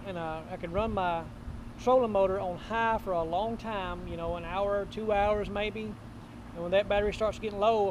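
A middle-aged man hosting his fishing channel, giving a casual, rambling tour of his boat outdoors with lots of ums and uhs. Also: sits high. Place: outdoors beside a boat on a lawn. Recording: noisy outdoor camera audio.

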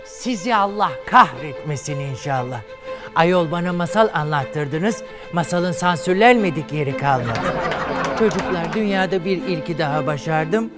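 A man with a slightly high, lively voice hosts a comedy show, telling a bawdy fairy tale to a studio audience in a campy, flamboyant style at normal speed. The clip comes from a TV studio with a live crowd, so audience laughter and music can be heard behind him.

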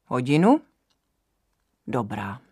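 A woman voicing a gruff, bossy old village herb-woman who speaks in curt commands in an audiobook. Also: a bass voice, sing-song, dark tone, dry recording, studio quality, voice pushed down, full character voice. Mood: brusque. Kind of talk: audiobook character voice.

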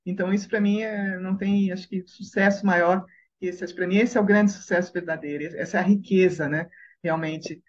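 A middle-aged Brazilian woman, a singer, telling stories with lively bursts of excitement in a radio interview. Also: fairly low pitch, a little fast. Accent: Brazilian Portuguese. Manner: lively storyteller, tag questions, bursts of excitement. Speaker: singer and guest. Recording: dull lo-fi radio recording.

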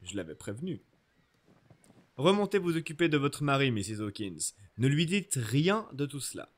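A stern, no-nonsense country doctor, read by a man, snaps out orders in a curt, commanding way. His pitch moves lively up and down. He belongs to a storybook adventure read aloud. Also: normal speed. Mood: brisk. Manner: curt and authoritative. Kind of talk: audiobook reading.

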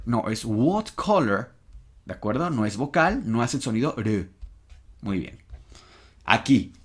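A man teaching an online English lesson, slowly repeating example sentences and cheering the learner on. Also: mid-range voice.

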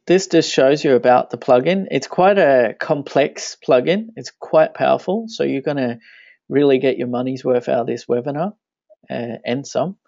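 A man who grew up speaking Danish walks viewers through a software tutorial in English, casually thinking out loud and narrating each click. His voice sits mid-range with a gravelly quality. The sound is dry and dull, free of room sound, with mouse clicking in the background.

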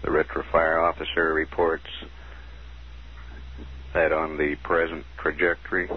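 A man with a very low voice delivers crisp, measured mission status reports, reading out one figure after another. His voice comes through a muffled radio transmission, dull and lo-fi like an old archive broadcast. A faint hiss runs underneath. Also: flat delivery. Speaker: mission control commentator. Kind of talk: formal status announcements.

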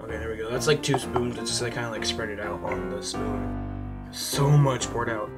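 A young man filming a hot sauce challenge vlog, talking casually to viewers and reacting loudly as his mouth burns. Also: mid-range voice, moderate pace, over loud music. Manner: excitable, talks to viewers, reacts loudly to heat. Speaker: vlogger.

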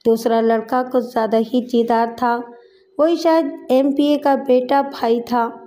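A woman reading a crime story aloud in a steady, dramatic storytelling manner. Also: fairly high pitch, a little slow. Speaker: audiobook narrator. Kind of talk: scripted narration of a crime story.

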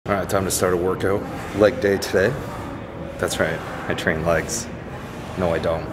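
A man's voice: sits low, fairly even intonation, normal speed. A young man chatting casually into a handheld camera, upbeat and joking as he rambles. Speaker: fitness vlogger. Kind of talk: casual vlog chat. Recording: noisy handheld vlog recording.

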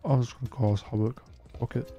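A man chatting casually while streaming a game, rambling and hesitant, with a croaky, sleepy voice. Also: medium pitch, steady tone, a little fast, warm tone, lo-fi sound, soft background music. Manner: rambling and hesitant, many restarts. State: sleepy, yawning. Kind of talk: casual live-stream chat.

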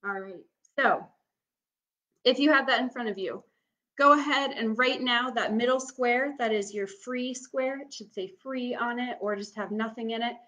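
A woman's voice: fairly high pitch, normal speed, pushed and bright. Young woman calling bingo casually. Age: young adult. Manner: bingo caller announcing and repeating each item, instructional. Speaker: bingo caller, camp game host. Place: small room at home, indoors.

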